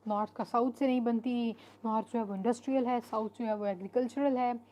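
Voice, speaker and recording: A woman teaching an online class. Her voice sits fairly high yet sounds mellow and warm. She explains in an unhurried way and pauses on fillers. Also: steady tone. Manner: explanatory, mixes English terms into Hindi-Urdu, frequent fillers. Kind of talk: online lecture.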